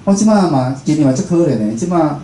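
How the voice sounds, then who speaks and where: A fast-talking, expressive Taiwanese radio host, his voice a little high and dark in tone, gives an informal lecture to a live audience. The indoor venue sounds echoey, with clear background noise, and his delivery is conversational.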